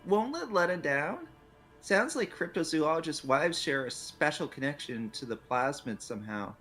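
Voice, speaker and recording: A man chats through a story game with a friend, sometimes reading text aloud. His pitch sits a little high and moves around a lot in a casual delivery. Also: animated, moderate pace, fairly bright tone, soft background music. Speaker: game co-streamer.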